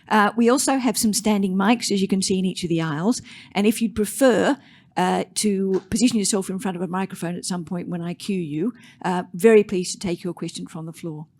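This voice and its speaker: A woman's voice: medium pitch, darkish tone. Australian woman, panel chair at a conference, friendly and chatty, trips over her words, speaks from the stage. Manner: chatty, self-deprecating, restarts phrases. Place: conference stage before a live audience.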